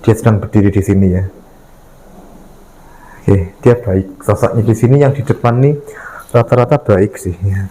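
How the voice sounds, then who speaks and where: A man from Indonesia, narrating a night paranormal exploration vlog in short halting phrases as he explains things to viewers. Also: lowish voice, warm tone, slight background noise, low-quality recording. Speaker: host of a paranormal exploration show.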